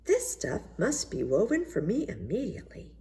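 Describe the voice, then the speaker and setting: Woman reading as a vain, fretful storybook emperor, lively intonation. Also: mid-range voice, moderate pace, voice pushed up. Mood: self-satisfied. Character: vain, fretful male emperor fond of finery.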